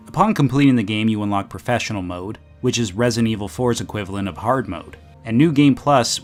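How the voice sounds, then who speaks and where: A man with a Canadian accent reading a scripted game review, full of sarcastic joking asides. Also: lowish voice. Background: background music.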